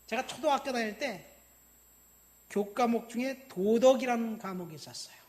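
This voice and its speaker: A woman in her fifties from Busan, a pastor preaching a sermon, stressing words loudly and then dropping to quiet asides while asking the congregation questions. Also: a little high, animated, normal speed. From Busan, South Korea. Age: 50s. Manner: addresses the congregation directly with questions.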